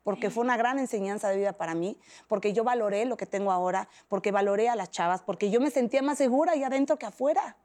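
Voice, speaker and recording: A middle-aged Mexican woman, a podcast guest, tells an emotional personal story in an animated way, acting out the voices of people she quotes. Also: medium pitch, quick pace, hardly any pauses.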